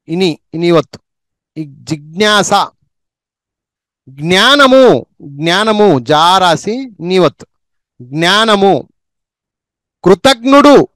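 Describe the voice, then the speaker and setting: A man teaching reading who says each word slowly two or three times and adds quick asides on how to practise. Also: high voice, fairly bright tone, clean tone, dry recording. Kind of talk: slow spelling and pronunciation drill.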